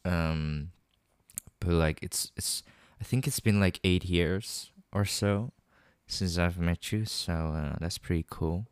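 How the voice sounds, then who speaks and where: Deep-voiced young man hosting a podcast. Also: clean tone, dry recording, clean studio sound. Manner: halting, filler-heavy, laughs easily. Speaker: podcast host. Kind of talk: casual podcast chat.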